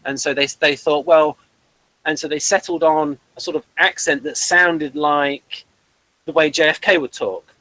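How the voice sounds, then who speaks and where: A man hosts a casual review chat in a fairly high voice, wandering through long explanations and dropping dry jokes. He is recorded close and dry, with no room sound. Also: steady tone, a little slow, pushed and bright, no echo, rough recording. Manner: chatty and digressive, explaining at length; dry humour, chuckles between points. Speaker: host reviewing a TV series.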